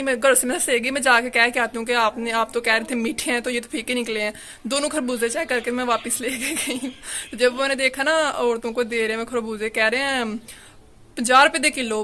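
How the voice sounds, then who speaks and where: A woman's voice: high voice, bright, forceful tone. Chatty young woman vlogger. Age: young adult. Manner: rambling, chatty, leans on "you know" fillers. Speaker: family vlogger. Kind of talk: casual home vlog narration. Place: sunny home courtyard outdoors.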